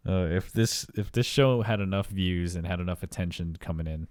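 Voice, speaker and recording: A man's voice: low voice, moderate pace, a little mellow, no echo, studio quality. A man co-hosting a podcast, chatting casually and rambling, with repeated words and casual swearing. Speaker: podcast co-host. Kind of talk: casual chat.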